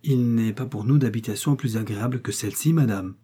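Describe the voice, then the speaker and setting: A man's voice: medium pitch, fairly quick, mellow, husky, natural voice. A man reading the part of an elderly servant woman who answers with great politeness but firmly refuses. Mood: politely firm. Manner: respectful but unyielding.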